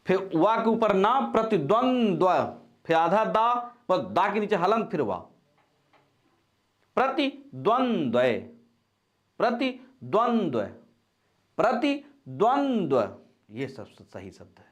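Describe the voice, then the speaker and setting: A man teaching spelling for exams, repeating each word slowly and stressing key syllables, with frequent reminders to pay attention. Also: high voice. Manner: animated, coaching tone with frequent reminders. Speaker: Hindi grammar teacher. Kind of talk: exam-prep spelling lesson.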